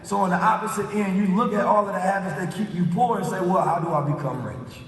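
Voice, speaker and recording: Man, high voice, preachy host, roomy hall sound, set back from the mic. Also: fast talker. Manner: preachy, repeats "right?" as a tag. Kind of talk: motivational talk to a live audience. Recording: echoey hall, speaker far from mic.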